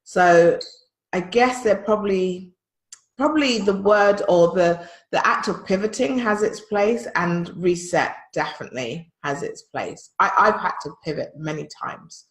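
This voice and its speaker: A woman's voice: fairly low pitch, measured pace, reverberant. A woman with a London accent, co-hosting a podcast in casual chat and laughing easily as she talks. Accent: London English. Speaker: podcast co-host.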